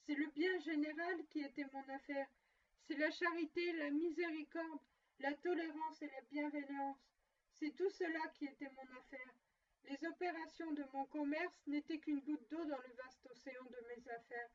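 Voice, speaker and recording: A grave, tormented male ghost bound in chains speaks slowly and solemnly, as a woman reads him aloud in a storybook reading. The voice sits high. The sound is dull and picked up from a distance. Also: steady tone, close to an everyday voice. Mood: anguished. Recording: muffled and distant.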